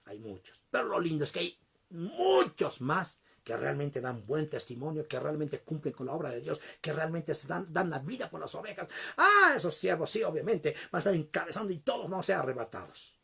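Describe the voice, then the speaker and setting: A man preaching a sermon, telling a story in an animated way and addressing the congregation directly. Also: on the high side, a little fast, gravelly.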